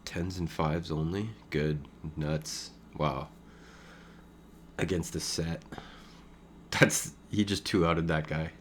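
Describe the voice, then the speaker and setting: A man with a deep, low voice narrates his own online poker session live. He thinks aloud in a loose, casual way, trailing off with fillers and laughing at his own asides. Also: steady tone, takes it slowly, pauses often, slight background noise. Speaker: poker streamer commenting his own play. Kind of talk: casual live game commentary.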